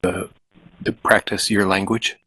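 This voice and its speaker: A man's voice: on the low side, little pitch movement, unhurried, sharp tone. A man from the United States with a standard American accent, making an improvised prank phone call in a hesitant, apologetic manner. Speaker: prank caller on a comedy show.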